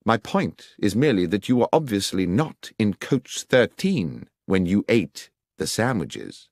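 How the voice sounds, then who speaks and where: Holmes, a man voicing a crisp detective. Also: fairly low pitch, sing-song, no room sound, studio quality, exaggerated voice. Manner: precise, measured and authoritative. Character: sharp, commanding male detective, middle-aged.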